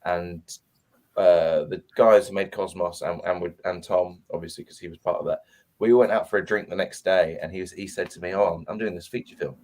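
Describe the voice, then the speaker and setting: Man, actor guest, low pitch, out of breath, friendly, self-deprecating. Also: steady tone, brisk, a little mellow.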